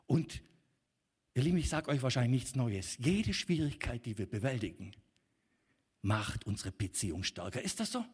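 A middle-aged man preaching a sermon as pastor, emphatic and animated with sudden loud outbursts. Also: medium pitch, normal speed, slightly rough. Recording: long reverb of a church hall.

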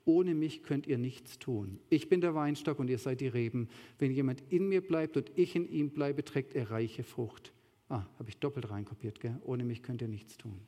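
A man's voice: medium pitch, normal speed, warm tone. A man giving a sermon with slides, talking conversationally and rising to emphatic peaks. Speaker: preacher. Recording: long hall reverb.

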